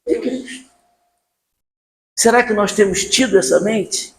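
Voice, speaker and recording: A man's voice: high voice, measured pace, vocal fry. An older man preaching a sermon as pastor, asking the congregation questions and telling stories from his life. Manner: rhetorical questions to the congregation, animated storytelling.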